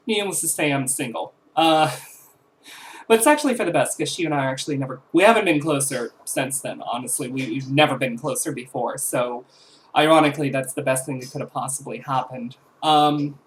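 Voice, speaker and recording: A woman in her twenties with a low-sitting voice vlogs casually to camera on a rough recording. She rambles, using fillers and correcting herself as she goes.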